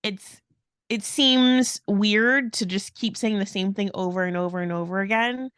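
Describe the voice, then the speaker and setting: A woman co-hosting a podcast, telling events in a lively, casual way and imitating other people's voices. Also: mid-range voice, a little slow, clear, resonant tone, dry recording, studio quality. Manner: animated storytelling, mimics others' voices. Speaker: podcast co-host.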